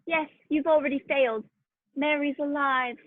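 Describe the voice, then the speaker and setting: Woman as high-voiced Doctor Watson, tinny recording. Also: fairly even intonation, moderate pace, dry recording, close to an everyday voice. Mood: indignant. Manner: proper, earnest, old-fashioned exclamations. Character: earnest, indignant male doctor, the detective's loyal companion. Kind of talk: 1940s-style radio play acting. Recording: tinny, phone-like, dry audio.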